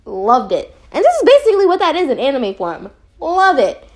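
A woman's voice: high-pitched, normal speed. A young woman reviewing an anime in casual chat, rambling with lots of fillers and giggles. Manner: giggly, rambling, animated, frequent fillers and laughs.

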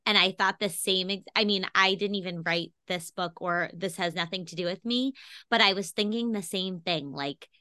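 Bright, close-miked enthusiastic woman host. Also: on the low side, normal speed, no room sound. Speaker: podcast host. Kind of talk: casual interview chat.

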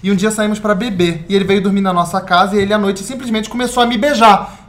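A man's voice: high voice, fairly even intonation, fast talker, a bit bright. A man, a podcast guest, reading a listener's email aloud in casual chat and ranting in a theatrical, mock-outraged way.

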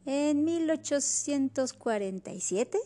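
A woman's voice: high-pitched, lively intonation, slow pace, mellow. A woman, co-hosting a casual history chat and chiming in with questions and wry jokes. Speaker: podcast co-host.

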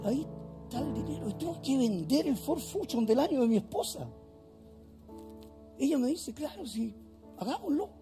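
A man's voice: extremely high pitch, expressive, moderate pace, long pauses, music in the background. A male pastor preaching a fervent sermon in a church, firing off rhetorical questions.

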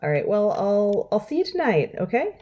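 A woman's voice: medium pitch, big pitch swings, moderate pace, warm tone, lo-fi sound, pitched above the performer's own voice. A woman voicing a friendly young woman who chats with her housemates in a role-play.

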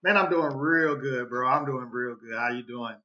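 A man's voice: medium pitch, moderate pace. An American man co-hosting a podcast in casual slang, often repeating his phrases, on a slightly lo-fi recording. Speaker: podcast co-host. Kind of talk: casual chat. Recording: slightly dull, lo-fi voice track.

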